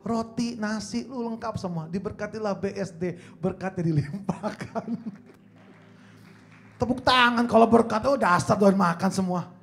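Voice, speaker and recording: A man's voice: high-pitched, a little slow, creaky, fairly bright tone. A man who coaches singing, giving a humorous talk at church and telling stories as he addresses the crowd. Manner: joking storyteller who addresses the crowd as "Saudara". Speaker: guest speaker, singing coach. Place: church hall.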